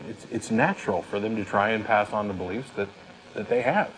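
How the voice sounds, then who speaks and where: A man co-hosts a talk show, reflecting on his own opinions in an emphatic, conversational discussion. He has a fairly low, fairly bright voice and a brisk pace, and the poor audio includes clear background noise and room ambience.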